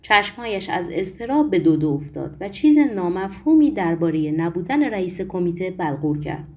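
Woman audiobook narrator, animated pitch, mellow timbre. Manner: expressive storytelling.

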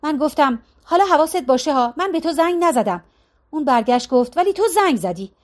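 A woman voicing an exasperated adult daughter arguing lively with her mother on the phone in an audiobook. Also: high voice.

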